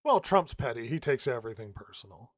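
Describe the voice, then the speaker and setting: A man's voice: mid-range voice, animated, a little fast, dry recording, studio quality. A man hosting a casual podcast chat, sarcastic and jokey, often laughing. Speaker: podcast host.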